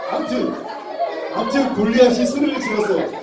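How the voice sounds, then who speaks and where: A man's voice: very high voice, fairly quick, distant mic, a loud crowd. A man teaching Sunday school, telling a Bible story playfully and directing children who act it out. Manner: playful, animated, directs children on stage, laughs often. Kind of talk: children's sermon with acted story. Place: church room with children. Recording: echoey room, mic from afar, children behind.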